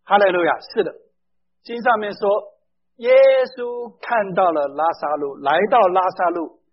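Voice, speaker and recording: High, husky-voiced male preacher. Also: moderate pace. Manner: emphatic, questions the listeners directly; mixes in English phrases. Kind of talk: sermon. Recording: dull lo-fi recording.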